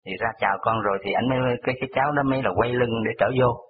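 A man with a Southern Vietnamese accent calls in to a radio show and tells a personal story at a brisk clip, piling on small details. His voice sits at an ordinary middle pitch. It comes through a thin, tinny phone line. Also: a little hiss or hum. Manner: rambling, detail-heavy storytelling.

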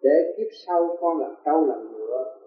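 A man's voice: a little high, unhurried, faint music behind, pitched below the performer's own voice, close to an everyday voice. A man voicing a poor male servant who humbly pleads with his master, heard through a tinny, echoey recording from far off. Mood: pleading. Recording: tinny, echoey, distant from the mic.

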